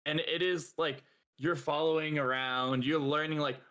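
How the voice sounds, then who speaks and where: A young man with a bright, forceful voice co-hosts a casual podcast. He rambles along, padding his talk with fillers and breaking into laughter now and then. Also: on the high side, fairly even intonation, moderate pace. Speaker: podcast co-host. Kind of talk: casual chat.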